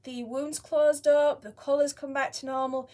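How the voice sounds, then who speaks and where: A woman with a fairly high voice talks casually to her viewers as a vlog host. Her delivery is chatty and rambling, with an apologetic streak. She is recorded indoors at home by a camera on a tripod. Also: little pitch movement, moderate pace, warm tone. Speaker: doll collector vlogger, channel host. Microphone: camera on a tripod at a short distance.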